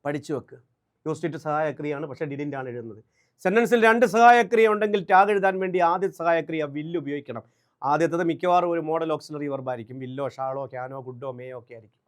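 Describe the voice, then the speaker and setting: A man with a Malayali accent giving a brisk exam-prep grammar lesson, drilling English examples slowly and repeating key points. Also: fairly high pitch. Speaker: English teacher.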